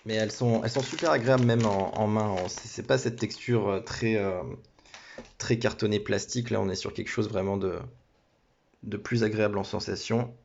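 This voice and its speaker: A man hosts a sports card break on camera, talking casually and stumbling through restarts and little apologies. His voice sits fairly low. The sound comes from a phone and is dull and lo-fi. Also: steady tone, a little fast, creaky, a little mellow, a little hiss or hum. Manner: hesitant, many restarts and apologies. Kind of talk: casual card-opening commentary.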